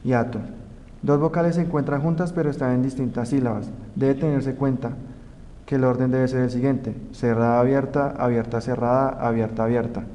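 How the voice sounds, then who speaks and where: A young man from Colombia, a student reading a grammar lesson aloud in a slow, careful way. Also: medium pitch, steady tone, warm tone. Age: young adult. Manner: slow, careful reading of rules and example words. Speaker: student presenter. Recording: roomy reverb, faint background noise.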